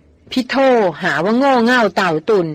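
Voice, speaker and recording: A woman's voice: fairly high pitch, lively intonation, measured pace, dry recording. A woman reader voicing a teasing young man who mocks his companion in a jungle camp. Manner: teasing, mocking, laughing.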